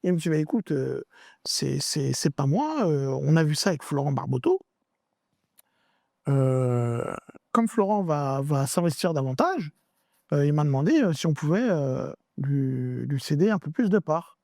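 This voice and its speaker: A man's voice: a little high, unhurried, vocal fry, dry recording, clean studio sound. A man guest on a podcast, casually telling a story and acting out the dialogue with slangy street talk. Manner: animated, acts out dialogue, slangy street French.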